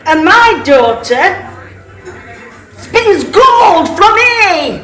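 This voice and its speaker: A woman's voice: high-pitched, very animated, slow, fairly bright tone, faint music behind, exaggerated voice. A woman playing a boastful but nervous miller in a rhyming pantomime, with exaggerated theatrical delivery. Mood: bragging. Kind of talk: rhyming amateur pantomime acting. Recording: echoey room, distant microphone.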